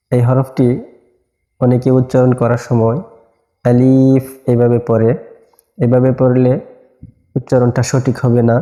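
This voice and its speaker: A man teaching Quran letter pronunciation as a lesson, repeating each letter slowly and drawn out. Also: mid-range voice, dark tone, echoey room. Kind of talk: slow recitation lesson.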